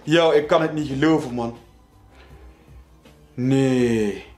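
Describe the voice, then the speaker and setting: A man hosting a reaction video, reacting to a rap track with loud, hyped exclamations. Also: mid-range voice, slow, reverberant, faint music behind.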